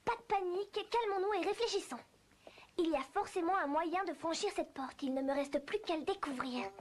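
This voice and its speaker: Very high, girlish Alice. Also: fairly quick. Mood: musing. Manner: exclaiming, thinking aloud to herself. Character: curious, dreamy, excitable little girl, Alice. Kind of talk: French-dubbed children's cartoon acting. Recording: music under the voice.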